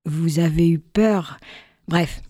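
A woman voicing a young enchanted maiden who speaks softly and with quiet composure, in a read fairy tale. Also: deep voice, takes it slowly, husky, dry recording, clean studio sound, heavily acted. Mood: composed. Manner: soft, composed, faintly sad. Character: enchanted young maiden, pale, calm and wise.

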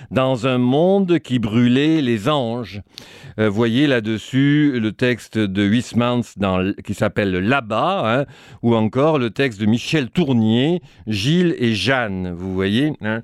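Professorial man with a smooth, dry voice. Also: mid-range voice, dry recording. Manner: professorial, tags phrases with "hein" and "vous voyez"; fond of wordplay and quotations. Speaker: commentator on a broadcast series. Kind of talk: reflective spoken commentary.

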